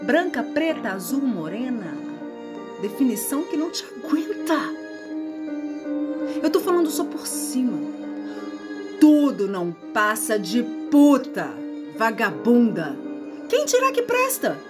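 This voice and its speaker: A woman performing a spoken word poem, slow and dramatic with sudden loud outbursts. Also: on the high side, sing-song, music in the background.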